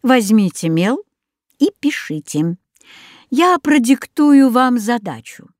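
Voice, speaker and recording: Brief: strict ironic schoolteacher, read by a woman, slow and formal. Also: a little high, very animated, darkish tone, no room sound, voice pushed up. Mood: stern. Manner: dry, ironic formal address. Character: stern sarcastic male math teacher.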